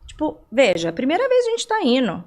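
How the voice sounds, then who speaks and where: A woman's voice: sits high, huge pitch swings, brisk, a little mellow. A young adult woman from Brazil, a guest on a podcast interview, explaining things at length with rhetorical questions and everyday examples.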